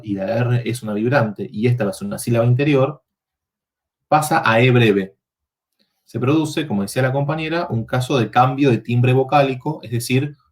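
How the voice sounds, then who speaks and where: A man's voice: mid-range voice, darkish tone. Man explaining Latin grammar step by step. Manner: explains step by step, checks with students. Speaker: Latin teacher. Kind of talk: university class workshop.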